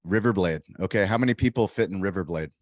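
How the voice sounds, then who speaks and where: A man hosting an interview show with an energetic, hype-style delivery; he also runs a restaurant. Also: low voice, fast talker, dry recording. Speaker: show host and restaurant owner.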